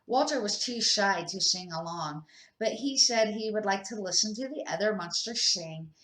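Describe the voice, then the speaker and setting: Reading from a children's storybook, an older woman speaks at a moderate pace with a medium-pitched voice. She's a grandmother whose delivery is expressive but unpolished, and the space she's in sounds noticeably echoey.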